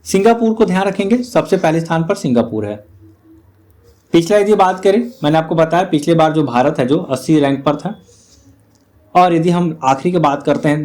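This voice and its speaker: A man's voice: a little high, darkish tone. A man teaching a current affairs lesson for exam students, talking straight to the viewer and leaning on repeated filler phrases. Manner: repetitive filler phrases, addresses the viewer directly.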